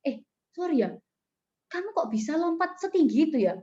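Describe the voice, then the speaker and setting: Lady doing a super squeaky little grasshopper, giddy, muffled call audio. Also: very animated, drawn-out words, pushed and bright, exaggerated voice. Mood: curious. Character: small excited grasshopper freed from a box.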